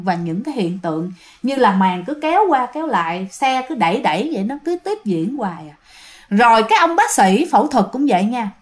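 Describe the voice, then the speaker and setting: A woman with a Southern Vietnamese accent tells a ghost story, chatty and animated. She talks straight to her listeners. Her voice is high and swoops widely in pitch. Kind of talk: casual spoken storytelling.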